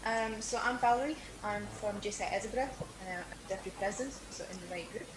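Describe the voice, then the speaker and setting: A woman's voice: medium pitch, quick pace. Woman on a call, casual and self-mocking, roomy echo, noisy line. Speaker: meeting participant. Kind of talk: self-introduction on a video call. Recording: echoey room, noisy line.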